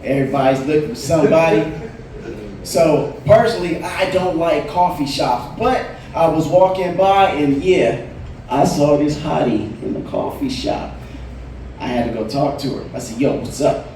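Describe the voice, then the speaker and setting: In a roomy bar, a man in his late forties does a laid-back stand-up set, telling stories that build to punchlines. His voice is fairly high and darkish at a moderate pace. It's picked up from a distance with slight background noise.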